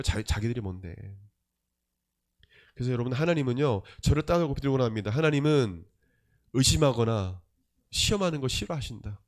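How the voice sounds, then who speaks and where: A male pastor preaching a sermon, emphatic, with rhetorical questions and swings between loud and soft. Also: mid-range voice.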